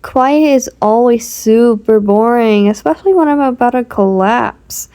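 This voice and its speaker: A woman doing a complaining, playful boy, slightly raised mellow voice, storybook reading. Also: a little high, measured pace. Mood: whiny. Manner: playful, whining. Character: whiny teasing boy who complains.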